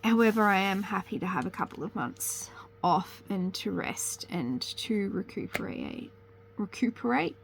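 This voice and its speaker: A young woman with a fairly high voice hosts a crafting channel, chatting casually to camera while sniffly with a slight cold. She rambles and corrects herself as she goes. The recording is rough, with a little hiss or hum.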